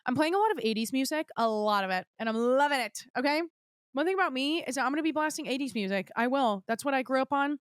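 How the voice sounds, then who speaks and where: A woman's voice: high voice, lively intonation, quick pace, clear, resonant tone, dry recording, studio quality. A young woman hosting her own podcast, chatting casually and gushing to her listeners about what she loves lately. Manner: bubbly, gushing, talks to listeners directly. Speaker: podcast host. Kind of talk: casual solo chat.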